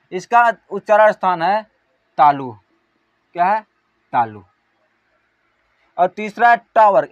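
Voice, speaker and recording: A man teaching an exam-prep grammar lesson, asking questions and answering them himself, calling out syllables one by one and trailing off softly. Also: high voice, no room sound, lo-fi sound.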